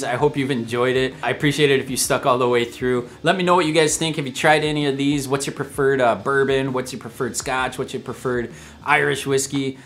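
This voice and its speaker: A man's voice: mid-range voice, fairly bright tone. Chatty man hosting a whiskey review. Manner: chatty, upbeat, talks straight to viewers. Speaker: host of a whiskey review channel. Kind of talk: casual tasting review vlog.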